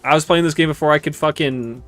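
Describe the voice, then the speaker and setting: A man's voice: a little high, quick pace. Man in his twenties, laid-back streamer chatter over faint game music. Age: 20s. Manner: relaxed, rambling, swears casually. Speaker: gaming streamer. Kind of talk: casual gameplay commentary chatting with viewers.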